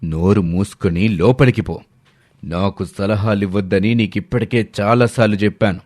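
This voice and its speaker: A man's voice: fairly low pitch, moderate pace, a little mellow, no echo, clean studio sound, close to an everyday voice. A man voicing a ruthless, greedy middle-aged villain uncle in a storybook drama, speaking coldly and threateningly. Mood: menacing. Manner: cold, threatening. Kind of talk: storybook voice acting.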